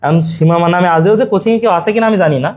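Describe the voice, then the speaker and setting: A man's voice: high-pitched, rapid-fire, darkish tone. A young man leads an exam-prep lesson. He talks to his students in a chatty way and builds playful memory tricks into the teaching.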